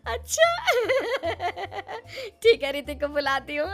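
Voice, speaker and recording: A cartoon mother-in-law giggles helplessly through every line. Her voice sits very high and her words come slowly. Soft music plays behind her. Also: vocal fry, full character voice. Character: giggling mother-in-law who cannot stop laughing.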